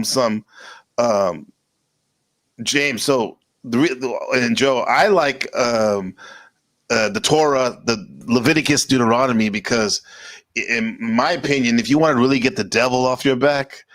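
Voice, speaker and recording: A man's voice: mid-range voice, a little slow, a bit bright, no echo. A man hosting a casual livestream chat, talking in a loose, rambling way and laughing often. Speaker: host.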